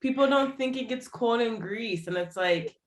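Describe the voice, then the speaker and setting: A woman's voice: fairly high pitch, normal speed, a little hiss or hum. Chatty woman in a roomy echo. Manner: agreeable, chatty, backchannels a lot. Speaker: podcast co-host. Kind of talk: casual chat. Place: room in the United States.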